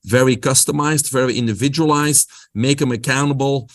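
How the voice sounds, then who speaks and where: On a podcast, a male guest with a Belgian accent explains his health coaching with the upbeat delivery of a motivational speaker. His voice sits at medium pitch, with a steady tone and a moderate pace.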